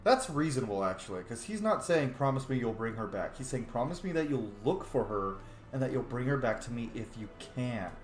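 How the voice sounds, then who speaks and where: While playing a game, a man thinks aloud casually and reads out his dialogue choices in let's play commentary. His mid-range voice is sing-song and fairly quick, with a roomy echo and faint music behind.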